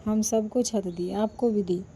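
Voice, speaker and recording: Slow, soft-spoken woman with a sore throat. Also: medium pitch, steady tone, a little hiss or hum. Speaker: vlogger. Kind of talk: casual chat to viewers. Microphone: no microphone, built-in device mic.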